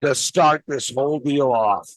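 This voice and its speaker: A man's voice: mid-range voice, unhurried, dry recording, poor audio. A man with a St. hosting a casual promotional chat from his bar, enthusiastic and fired up. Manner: enthusiastic, hyped-up booster. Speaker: bar owner and podcast host. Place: indoors at a bar.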